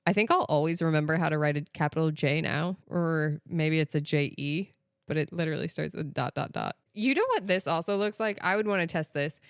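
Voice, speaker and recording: An American woman co-hosting a podcast, talking in a chatty, animated way full of "like" and "literally". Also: low voice, a little fast, clear, resonant tone, dry recording, clean studio sound. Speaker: podcast co-host. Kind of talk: casual chat.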